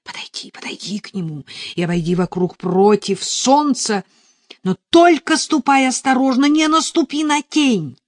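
A woman's voice: sits high, normal speed, no room sound, studio quality, voice pushed up, lightly acted. A woman voicing a menacing male sorcerer who chants a ritual in a commanding, incantatory way, read for an audiobook. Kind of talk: audiobook reading.

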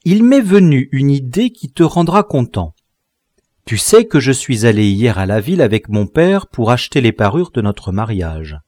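A man's voice: mid-range voice, big pitch swings, normal speed, a little mellow, no room sound, clean studio sound. A man voicing a sweet young bride. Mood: tender.

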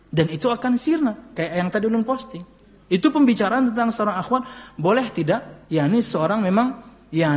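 Guy preaching, high voice, jokey and chatty, muffled lo-fi recording. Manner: chatty, joking, mixing in local words. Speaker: Islamic preacher. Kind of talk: casual sermon talk.

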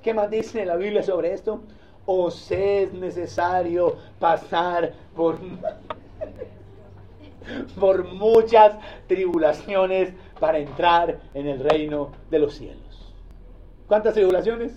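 High-voiced male pastor preaching. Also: unhurried, a little hiss or hum. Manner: lively storytelling preacher, asks the congregation questions. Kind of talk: sermon. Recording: dull lo-fi recording.

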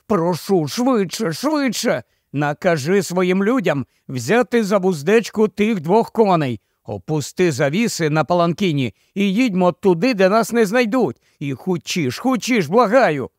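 A man's voice: high-pitched, animated, unhurried, few pauses, no room sound, clean studio sound. A man voicing a proud young noblewoman on the run, pressing and pleading in an urgent hiss.

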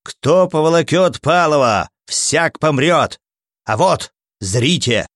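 A man voicing a bold young townsman who shouts urgent warnings in a raised voice. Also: a little high, expressive, slow, dry recording, clean studio sound, pitched above the performer's own voice. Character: young brawny male townsman, bold and agitated.

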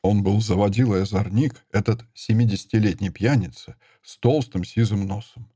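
A man narrating an audiobook in a measured, expressive storytelling manner on a close mic. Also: lowish voice, breathy edge, dry recording.

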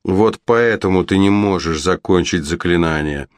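A man playing a brave boy who taunts a villain with open mockery. The delivery stays low and close, with a dry, deadened sound. It is a storybook hero's part, read aloud. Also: normal speed, no room sound, lightly acted. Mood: mocking. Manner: mocking, defiant. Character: defiant mocking boy.

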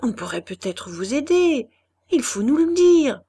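A woman reading the part of a brisk, pushy businessman husband in a storybook, coaxing and insistent. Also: very high voice, very animated, warm tone, voice pushed up, exaggerated voice.

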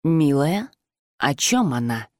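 A woman voicing a soft-spoken, menacing male master who can change his shape, in a storybook reading. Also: lowish voice, lively intonation, no room sound, studio quality. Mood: insinuating. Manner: quiet, insinuating, slow.

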